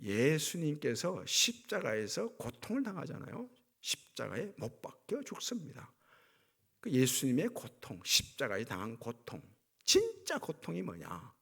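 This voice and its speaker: A male pastor preaching a sermon, acting out cries of anguish with sweeping swings in pitch and volume. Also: wildly swooping pitch, a little slow, creaky, fairly bright tone, slightly rough.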